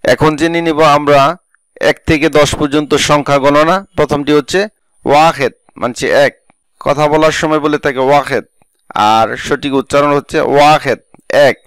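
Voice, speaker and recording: Smooth-voiced man teaching slowly. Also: a little high, fairly bright tone, no room sound. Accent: Bangladeshi Bengali. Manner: slow repetition of phrases with translations. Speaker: Arabic language teacher. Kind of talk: spoken language lesson.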